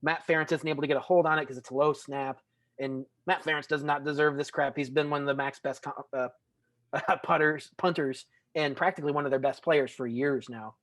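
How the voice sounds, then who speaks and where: A man's voice: on the high side, steady tone, fairly quick, fairly bright tone, no room sound. A man co-hosting a casual college football podcast, rambling and stumbling over words with a dry sense of humor. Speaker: co-host. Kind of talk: casual sports podcast chat.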